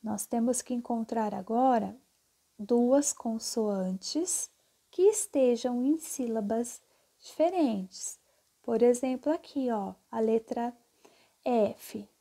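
Slow, patient woman teacher. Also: fairly high pitch, creaky, mellow. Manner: slow, patient, repeats steps with "tá?". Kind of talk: classroom lesson explaining exercises.

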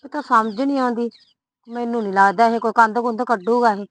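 A woman playing a fretful, sharp-tongued village woman with a Punjabi accent, who scolds, calls out loudly and frets about gossip. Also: a little high, steady tone, fast, lightly acted. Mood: worried muttering. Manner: scolding, anxious about gossip, loud when calling. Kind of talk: comic short-film acting.

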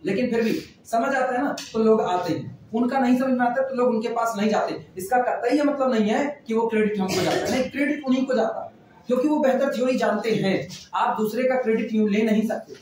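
A man's voice: extremely high pitch, a little mellow, slight background noise. A man teaching math in a classroom, chatting and repeating phrases as he dictates notes. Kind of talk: classroom lecture. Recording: echoey room, mic far off.

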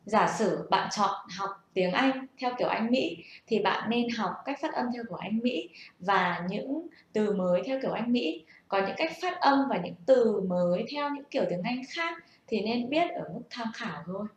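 A woman's voice: a little high, lively intonation, moderate pace, few pauses. A young woman gives a casual, patient spoken lesson and asks the listener rhetorical questions. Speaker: self-taught English learner sharing tips. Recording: echoey room.

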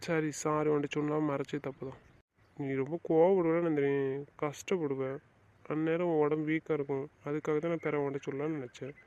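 A man's voice: on the high side, flat delivery, brisk, a little mellow, lightly acted. An actor playing a remorseful young husband who begs his wife not to leave, in a melodramatic drama with slightly dull sound. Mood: pleading. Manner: begging, soothing, insistent. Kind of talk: melodramatic family drama acting.

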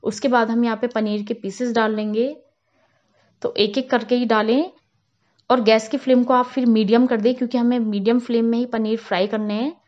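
Off camera, a woman with a fairly high voice walks through a home cooking tutorial, describing each step calmly and instructively. She speaks fairly quickly, and her voice-over is slightly dull and lo-fi.

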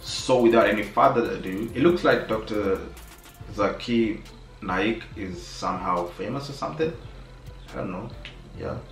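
A man's voice: on the low side, normal speed, echoey room, distant mic, soft background music. Upbeat young man hosting a reaction video. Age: young adult. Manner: upbeat, slangy. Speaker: reaction channel host. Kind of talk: casual video intro. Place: small indoor room.

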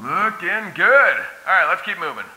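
A man's voice: sits high, expressive, moderate pace, bright, forceful tone, husky, exaggerated voice. An actor voicing a cocky, wisecracking male squadmate who coaches a rookie through a game tutorial with teasing jokes. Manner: teasing, joking, bouncy delivery. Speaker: tutorial guide character. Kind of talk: game voice acting.

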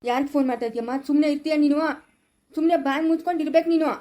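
A woman's voice: sits high, fairly even intonation, fast, warm tone, natural voice. A woman playing a worried father who consoles his wife and scolds his daughter in an amateur family drama. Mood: stern.

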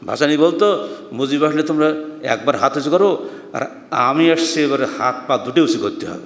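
An older Bangladeshi man giving a Friday sermon, reading Arabic quotes slowly, explaining them and asking the listeners questions. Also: fairly high pitch, lively intonation. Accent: Bangladeshi Bengali. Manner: asks the listeners rhetorical questions. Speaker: preacher. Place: mosque hall at a madrasa. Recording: echoey hall with long reverb.

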